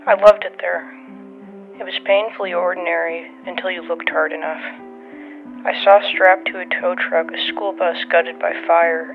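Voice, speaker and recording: Woman narrator through tinny old-time AM radio filter. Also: lowish voice. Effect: old-timey AM radio filter on voice. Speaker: podcast host. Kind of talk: scripted personal documentary narration. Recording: tinny old-radio band-limited sound. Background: music.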